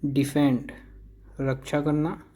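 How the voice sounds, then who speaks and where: A man teaching a vocabulary lesson at a very unhurried pace. His voice is dark and mellow. He repeats each word again and again to drill the pronunciation. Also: on the high side, flat delivery. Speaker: English teacher.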